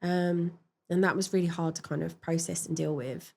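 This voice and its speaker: A woman in a podcast interview, frankly and reflectively telling her personal story, with pauses and fillers. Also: on the low side, steady tone, vocal fry, a little mellow. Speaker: podcast guest.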